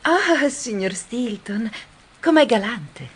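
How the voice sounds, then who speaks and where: A tearful young mouse lady, played by a woman in a storybook audio tale, her voice very high and squeaky. She talks in slow, sobbing, halting phrases, stumbling over her words. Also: expressive, exaggerated voice. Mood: sweet. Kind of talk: audiobook character voice.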